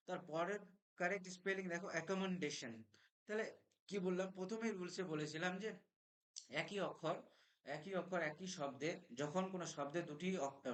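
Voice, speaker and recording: A male teacher gives an exam revision lesson, spelling each word out slowly, letter by letter. His voice sits a little high for a man, and he keeps checking in with his students. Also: fairly bright tone. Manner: explains step by step, spells words out letter by letter, often checks "okay?".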